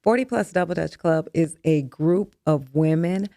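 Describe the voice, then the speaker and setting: Guest in her 50s, woman with a low, gravelly voice, calm and measured. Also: no room sound, studio quality. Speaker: interview guest. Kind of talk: candid interview chat.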